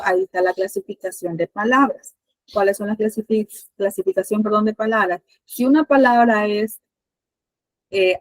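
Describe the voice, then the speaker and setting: A woman's voice: mid-range voice, no echo, low-quality recording. A Spanish teacher with a Panamanian accent, a woman, patiently asking her students questions with many fillers.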